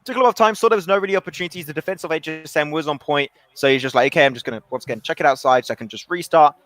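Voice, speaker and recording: A man doing excitable play-by-play commentary on an esports football match, often restarting his sentences. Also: a little high, no room sound. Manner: rapid, excitable calls with frequent restarts.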